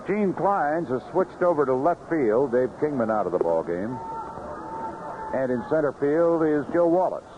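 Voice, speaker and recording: An American man calls baseball play-by-play on the radio from an outdoor ballpark broadcast booth, using clipped, descriptive phrases. His voice is a little high and sing-song, at a measured pace. The audio is narrow and tinny, a noisy vintage 1970s AM radio broadcast of live sports commentary.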